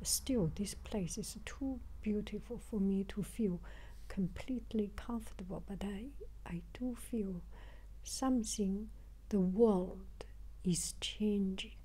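Warm and mid-range, an older woman's breathy, whispery voice carries her reflective travel vlog narration, which stumbles along as she repeats phrases hunting for words. The low-quality recording has a little hiss or hum.

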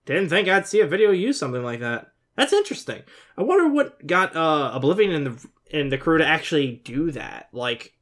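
His voice on the high side and a bit bright, a man in his twenties riffs casually as a reaction video host. Recording indoors in a bedroom, he rambles informally and unscripted, swearing mildly now and then.

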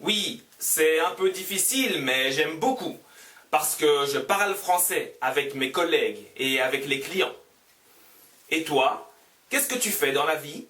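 A man's voice: on the high side, sharp tone, reverberant, recorded from a distance, heavily acted. A man reading as Cholsu, a young Korean student. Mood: curious. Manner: slow, carefully articulated dialogue reading.

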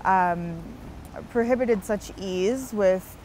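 A woman's voice: medium pitch, slow pace, a little mellow, slight background noise. Earnest young woman on a street. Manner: earnest, talks at length with many restarts. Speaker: interview guest. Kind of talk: street interview. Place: outdoors on a busy town street in winter.

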